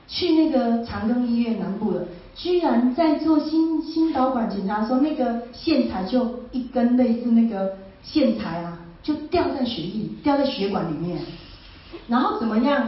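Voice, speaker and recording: Woman, echoing from afar. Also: on the high side. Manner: repeats phrases and asks listeners rhetorical questions. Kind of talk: emotional testimony storytelling. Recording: very echoey, distant, slightly dull sound.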